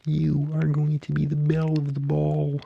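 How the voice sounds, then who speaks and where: A performer voicing an excitable, gentle male puppet frog as a hairdresser in a soft, soothing, halting ASMR roleplay. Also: mid-range voice, vocal fry, lo-fi sound. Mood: gentle, encouraging. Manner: soothing, fussy, halting murmur with oohs and hmms.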